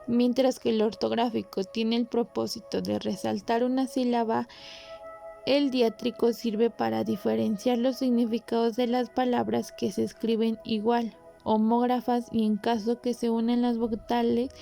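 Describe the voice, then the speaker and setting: A woman hosting a podcast, calmly explaining Spanish grammar in a measured, instructive way with pauses. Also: a little high, gravelly, faint music behind. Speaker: podcast host.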